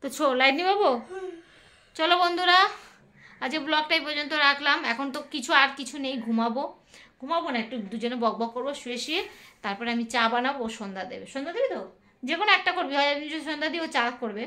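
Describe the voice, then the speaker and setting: High, bright-voiced woman chattering fast. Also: lively intonation. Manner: rushed, tumbling speech. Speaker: family vlogger. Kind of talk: casual home vlog chat. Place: in bed at home. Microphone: phone held in hand.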